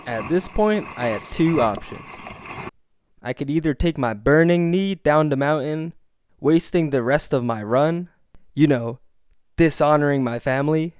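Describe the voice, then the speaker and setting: A young man narrating his own mountain biking video in a deadpan, joking voice-over. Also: on the high side, slight background noise. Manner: deadpan jokey storytelling. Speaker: mountain bike vlogger.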